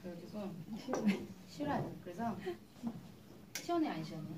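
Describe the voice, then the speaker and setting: Lively woman in an echoey hall. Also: medium pitch, normal speed, very noisy. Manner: lively, chatty, acts out customer exchanges. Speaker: cosmetics business presenter. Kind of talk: live seminar demonstration and storytelling. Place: large hall with an audience. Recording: echoey hall recorded from far off.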